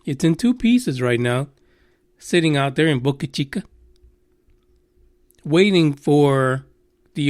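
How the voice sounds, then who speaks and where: A podcast host delivers a casual solo rant, exasperated and profane, with lots of swearing and rambling asides. His voice is medium-pitched, and the recording is dry and studio quality.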